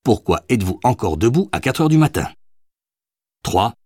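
A man's voice: mid-range voice, big pitch swings, moderate pace, darkish tone, breathy edge, dry recording, studio quality. A man voicing a tipsy, teasing young Parisian woman in an audiobook, speaking in a playful, mock-formal way. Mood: cheeky.

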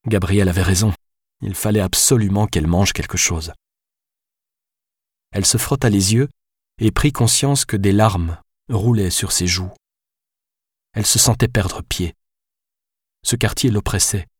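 A man reads a novel aloud in a measured, even storytelling manner. His voice is fairly low, and the sound is dry and close to the microphone. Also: slightly rough, no room sound. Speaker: audiobook narrator. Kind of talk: scripted novel narration.

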